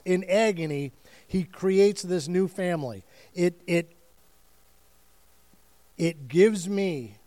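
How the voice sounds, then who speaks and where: A man's voice: fairly high pitch, a little mellow. A man preaching a communion sermon as the church's student and family pastor, speaking earnestly and emphatically with frequent restarts.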